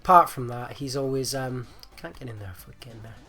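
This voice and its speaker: Fast-talking, pushed, and bright, a medium-pitched man hosts a gaming video over soft background music. His chest is rattly and congested as he shakes off the flu, and his phlegmy, casual commentary rambles with hesitant repetitions.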